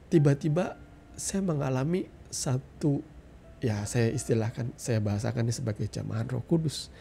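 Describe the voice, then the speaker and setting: Earnest gravelly man preaching a testimony. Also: medium pitch, warm tone. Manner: earnest, addresses listeners as "saudara". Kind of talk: testimony sermon.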